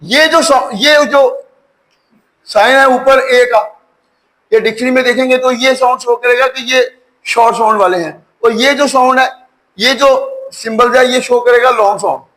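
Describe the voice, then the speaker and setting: Man, very high voice, phonics lecture, slow repetitive explaining. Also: a bit bright, low-quality recording. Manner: slow, repetitive explaining, spells words letter by letter. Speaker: English teacher.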